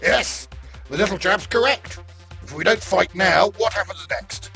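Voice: medium pitch, unhurried, vocal fry, pushed and bright, faint music behind. A tabletop role-play player speaking in character, rhetorical and speech-making.

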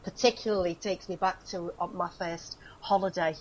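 Reminiscing in a casual interview, a middle-aged actress laughs often and uses plenty of fillers. She speaks at normal speed in a lowish voice with fairly even intonation, on a rough recording with a little hiss or hum.

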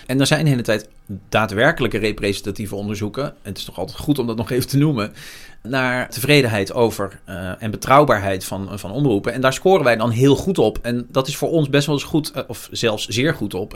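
A man in his forties with a gravelly, slightly rough voice, speaking as a news journalist in a relaxed interview. He talks frankly and reflectively, with frequent hesitations as he gathers his thoughts, at a mid pitch. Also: brisk. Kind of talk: candid interview conversation.

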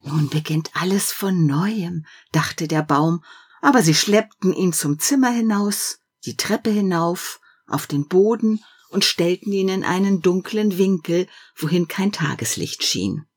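A woman narrating a fairy tale slowly and expressively, swinging between hushed passages and loud, lively ones. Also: fairly low pitch, breathy edge. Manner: slow, expressive storytelling with wide swings between hush and loud.

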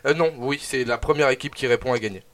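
A young man hosts a live radio show, reading out traffic news and setting up a team quiz. His voice is at a middle pitch, and he talks in a lively, animated way with frequent fillers. The sound is a plain studio mic. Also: quick pace.

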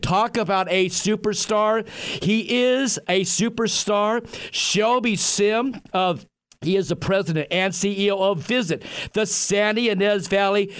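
High-pitched man announcing like a ringmaster. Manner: grandiose, effusive, piling up superlatives; drawn-out ringmaster flourishes. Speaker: radio show host. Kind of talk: ringmaster-style show announcing.

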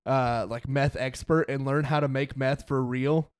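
A man's voice: mid-range voice, fairly even intonation, measured pace, smooth, no room sound. A young man co-hosting a casual podcast, earnest and encouraging. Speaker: podcast co-host.

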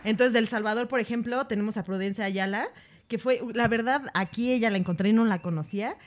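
A woman's voice: on the high side, a little fast. Slangy Mexican woman podcast co-host. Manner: slangy, animated, laughs often. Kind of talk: casual chat.

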